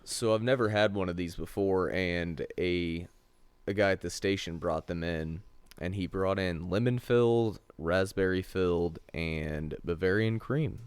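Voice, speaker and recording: A man's voice: sits low, measured pace, few pauses, clean tone, no echo. A man hosting a casual sports podcast, talking enthusiastically with frequent swearing. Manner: profane, enthusiastic sports talk. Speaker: podcast host. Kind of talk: casual chat.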